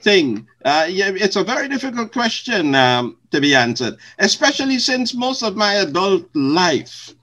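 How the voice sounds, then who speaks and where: An older man from Guyana, a retired pastor, answering interview questions in slow, measured, formal phrasing. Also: high-pitched, sing-song, sharp tone.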